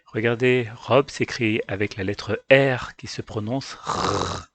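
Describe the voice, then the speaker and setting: Male teacher, patient phonics lesson, deliberate letter sounds, husky voice, dry close sound. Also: medium pitch, dry recording. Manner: slow, carefully sounds out each letter; addresses parents directly, calm and patient. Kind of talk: phonics lesson for young children.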